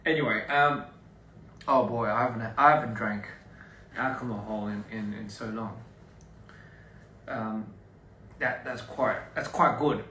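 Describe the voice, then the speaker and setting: A young Australian artist, a native English speaker, chats casually with fans on a live stream, relaxed and rambling, laughing between lines. His medium-pitched voice comes at a measured pace with long pauses, picked up by a distant phone mic in an echoey room with a little hiss or hum.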